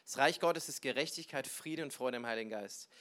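A man preaching a sermon, telling personal stories with lively, animated delivery and acting out conversations with sudden loud bursts. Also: medium pitch, a little fast. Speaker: pastor.

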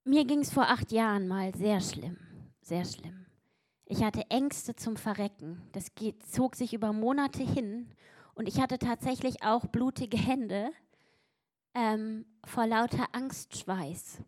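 Slow and a little mellow, a fairly high-pitched female voice preaches with emphasis. As she acts out passages from the Bible, her delivery grows more and more intense.

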